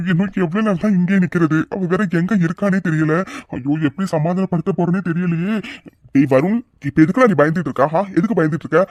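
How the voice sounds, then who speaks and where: A man's voice: fairly high pitch, darkish tone, no room sound, close to an everyday voice. A man voicing a nervous young husband muttering to himself in a cartoon. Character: nervous young husband fearing his angry wife. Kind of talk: cartoon voice acting.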